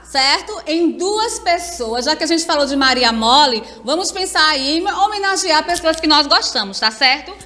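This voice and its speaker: A Brazilian woman teacher giving a remote lesson, explaining words slowly and patiently, sounding them out syllable by syllable. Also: high-pitched, bright, forceful tone, big-room sound. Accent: Brazilian Portuguese.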